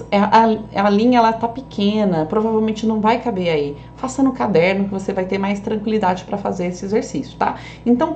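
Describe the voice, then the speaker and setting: A woman's voice: mid-range voice, darkish tone, slight background noise. A woman teacher giving a recorded class lesson, patiently explaining an exercise and often checking that students follow.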